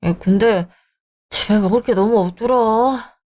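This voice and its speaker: A woman's voice: a little high, measured pace, a little mellow. A woman voicing a selfish young married man who talks in a dismissive, irritated way, in a dramatized story. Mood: scornful.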